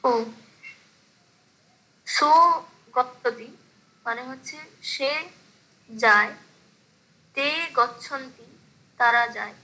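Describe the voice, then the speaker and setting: A woman student in a class, slowly and carefully reciting her answers when called on. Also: fairly high pitch, fairly even intonation, sharp tone, rough recording.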